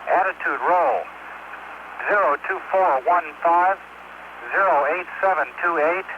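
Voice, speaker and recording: A man aboard an orbiting spacecraft speaks in a relaxed, halting way, stopping on fillers between clipped radio phrases. His voice fades in through heavy static, thin and tinny as if squeezed through a narrow radio channel. He sits a little higher than most men. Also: creaky. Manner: relaxed, hesitant with frequent fillers. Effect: voice fading in through static over a space radio link. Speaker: astronaut aboard the orbiting shuttle. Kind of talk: air-to-ground radio exchange and number readback.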